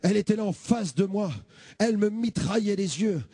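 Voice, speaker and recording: A young man giving a lively testimony as a preacher, acting out the voices in his story. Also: high voice, moderate pace, slightly rough, no echo. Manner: acts out every voice in his story, shouting and pleading. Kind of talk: animated testimony.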